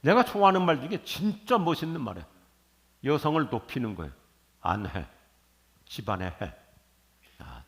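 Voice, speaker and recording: Older man, pastor, sermon in a church, gravelly, very lively pitch, jokey. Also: normal speed, pauses often. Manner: lively, jokey preaching with sudden loud outbursts. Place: church sanctuary.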